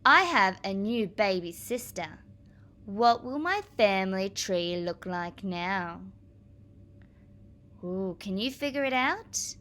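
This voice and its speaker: A primary school teacher reads aloud to young children, going slowly in a medium-pitched voice. She is clear and expressive, adding explanatory asides along the way.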